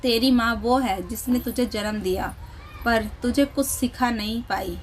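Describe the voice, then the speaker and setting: A woman's voice: fairly high pitch, a little slow, slight background noise, close to an everyday voice. A woman narrator voicing an elderly mother-in-law who scolds harshly and stubbornly. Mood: angry, scolding.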